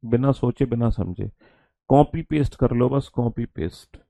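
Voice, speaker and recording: Male teacher, gravelly dry voice, repetitive coaxing delivery, chants drills slowly. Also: medium pitch, dark tone, no echo. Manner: repetitive, coaxing, calls students beta; chants letter mnemonics slowly aloud. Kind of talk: online class teaching.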